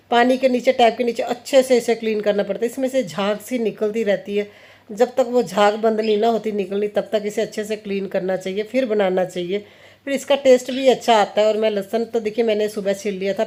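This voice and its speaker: A warm, mid-range female voice belonging to an Indian mother in her thirties who is a home vlogger. She chats casually as she works, covering her family and kitchen routine, laughs often, and quotes conversations with her family.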